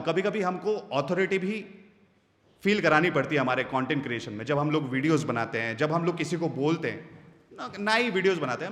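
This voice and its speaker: This is a live voice-over workshop run by a man in a hall at a creators' meetup. Animated and expressive, he swings his pitch and volume broadly while often acting out short lines to illustrate tones, and the room's long reverb makes it sound echoey.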